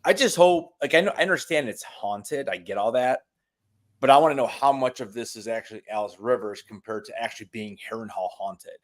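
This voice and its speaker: A man's voice: medium pitch, a little fast. A man hosting a live TV review, thinking aloud tentatively in casual chat.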